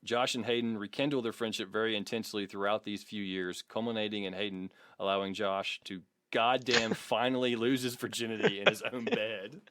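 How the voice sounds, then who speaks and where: An American podcast co-host reads a biography with mock grandeur on a comedy show, swearing and drifting into casual banter. His voice is on the low side and a bit bright, moving fairly quickly with few pauses.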